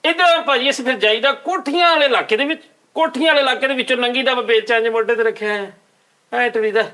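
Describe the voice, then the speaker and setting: A man's voice: extremely high pitch, fast talker, sharp tone. A man with a Punjabi accent in a comedy interview, cheekily boasting about faking poverty. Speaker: guest playing a fake beggar.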